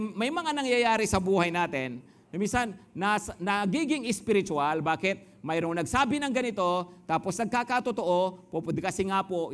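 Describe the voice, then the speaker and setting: A man in his thirties with a high voice for a man preaches a sermon in church. He tells personal stories in a lively way and keeps calling questions out to the congregation, switching between Tagalog and English. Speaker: pastor.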